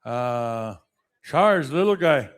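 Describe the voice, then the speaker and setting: A man working as a powwow emcee, calling people up by name in a halting, list-like way. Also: mid-range voice, lively intonation. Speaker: powwow emcee announcing names.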